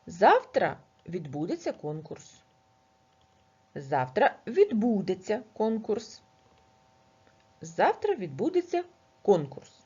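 A woman teacher reads a grammar lesson with a husky, darkish voice that rises and falls a lot. She goes slowly and clearly over each example sentence. The recording sounds dull and lo-fi. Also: on the high side, mellow. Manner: slow, measured dictation of example sentences. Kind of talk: reading a grammar lesson aloud.

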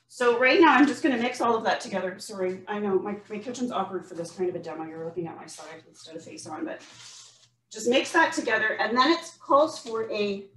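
A woman's voice: medium pitch, a bit bright. Woman demoing baking, distant and echoey. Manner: chatty, self-deprecating, restarts often. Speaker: baking demonstrator. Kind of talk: casual cooking demonstration. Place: home kitchen, indoors. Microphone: laptop camera across the room, video call. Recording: echoey kitchen, speaker far from mic.

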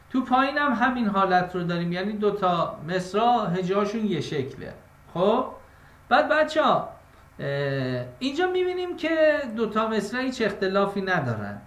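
A man teaching an exam-prep class on poetic meter. His voice sits a little high and rings in an echoey room. He talks to his students in a casual, step-by-step way and slows into a chant when he recites verses. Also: fairly bright tone. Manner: addresses students directly and casually.

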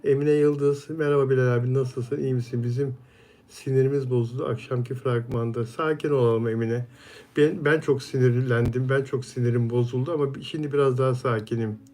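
A man's voice: medium pitch, steady tone, brisk, dark tone. A man hosting a casual live stream, reading viewer comments aloud and answering each viewer by name in a friendly, chatty way.

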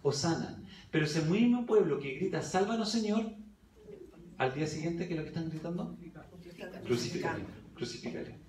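Guy preaching a bible study in a church, asks the room questions a lot, a bit high voice, echoey far-off recording. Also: animated, fast, a little mellow, slight background noise. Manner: asks the congregation questions and reads scripture aloud. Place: church hall.

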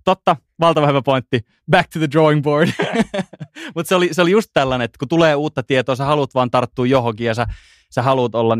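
A male podcast host from Finland telling an anecdote in casual chat, chatty and quick to laugh. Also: medium pitch, no echo, studio quality.

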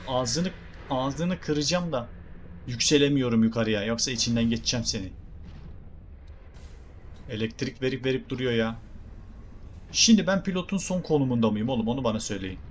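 A young man with a Turkish accent doing excitable, jokey game commentary and talking to his viewers. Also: mid-range voice, fast, pauses often, slight background noise. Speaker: gaming streamer.

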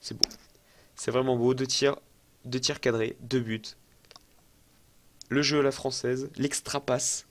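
A young man giving casual, excitable let's-play commentary on a football management game, chatty and self-mocking as he thinks aloud. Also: medium pitch, measured pace, pauses often, slight background noise. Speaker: gaming YouTuber.

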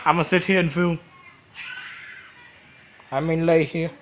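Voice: medium pitch, little pitch movement, a little slow. A person filming a casual home video on a phone indoors, talking in a teasing, repetitive way. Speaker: cameraman and vlog host. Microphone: phone held by the camera operator. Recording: noisy handheld phone recording.

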